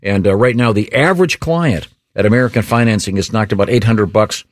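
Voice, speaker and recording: A man's voice: on the low side, a little fast, no echo. Dry-sounding male radio host. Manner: relaxed, stammering with fillers. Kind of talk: casual radio chat and host-read ad.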